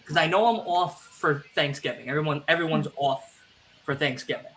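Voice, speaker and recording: A man chats loosely on a streamed podcast, circling back with fillers and restarts and poking fun at himself. His voice sits a little high and sounds very bright. A faint hiss runs under the stream. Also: normal speed. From Italian family background. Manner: rambling, self-deprecating, many fillers and restarts. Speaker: podcast co-host. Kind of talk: casual chat.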